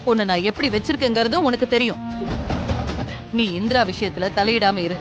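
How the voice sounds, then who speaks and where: A woman's voice: fairly high pitch, fairly quick, muffled recording, lightly acted. An actress playing a domineering mother-in-law who scolds harshly, with TV drama music behind. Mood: scornful. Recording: TV drama with loud background music.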